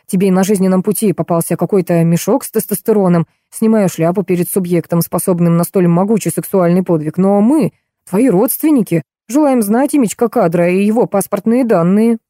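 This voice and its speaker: A woman doing a jovial, smooth-talking husband with a wry, mocking edge. The voice stays near her own middle pitch, with a mellow tone and a dry, close recording. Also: a little fast, no room sound, natural voice.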